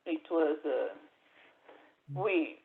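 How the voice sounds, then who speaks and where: An older woman raised in Brazil, speaking slowly and haltingly with many pauses as she recounts her life in an oral history interview. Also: deep voice, animated, gravelly. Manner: slow, halting, many fillers and restarts. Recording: tinny phone-like audio.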